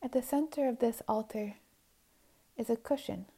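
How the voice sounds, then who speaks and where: A woman guiding a meditation in a soft, soothing voice, often drifting into whispers. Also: on the high side, normal speed. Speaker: meditation guide. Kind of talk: guided meditation narration.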